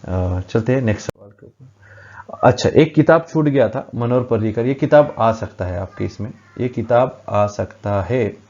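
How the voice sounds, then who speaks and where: A man's voice: medium pitch, lively intonation, moderate pace, a little mellow, dull audio. Man teaching quiz answers at a board. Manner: explains at a board, frequent hesitations. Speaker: current affairs teacher. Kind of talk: exam-prep quiz lesson.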